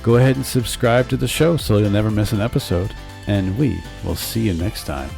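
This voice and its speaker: A man's voice: fairly low pitch, fairly quick, gravelly, a little mellow, soft background music. A man co-hosting a casual home podcast with his partner, earnestly arguing his point and reading the show plugs upbeat. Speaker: podcast co-host. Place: home room with sleeping dogs.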